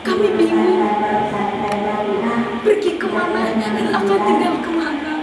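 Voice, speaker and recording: A woman performing a theatrical monologue as an anguished, fatherless daughter, a sorrowful tragic heroine speaking in declamatory phrases with dramatic pauses. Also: very high voice, big pitch swings, exaggerated voice. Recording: distant, echoey, clearly noisy room recording.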